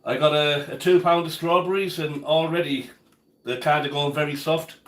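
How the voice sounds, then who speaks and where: A man's voice: fairly high pitch, steady tone, moderate pace, a little hiss or hum. Chatty man cooking in an echoey kitchen. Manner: chatty, answers viewers' comments by name. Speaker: cooking livestream host. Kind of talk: casual live-stream chat while cooking. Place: home kitchen. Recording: echoey kitchen room sound.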